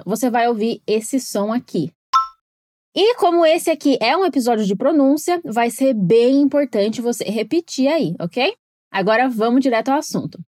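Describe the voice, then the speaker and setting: A woman with a Brazilian Portuguese accent leads a scripted pronunciation lesson. Her voice sits a little high, and she explains patiently, slowing down to model each English word. The sound is dry and close. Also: a little mellow, dry recording. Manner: clear, explanatory, slows down to model English words.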